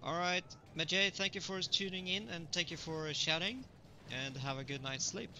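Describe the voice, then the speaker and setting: A man's voice: on the high side, moderate pace, a little hiss or hum. A man streaming a strategy game, chatting casually with viewers as he plays. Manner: relaxed, chatty, greets viewers. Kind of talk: live gaming commentary.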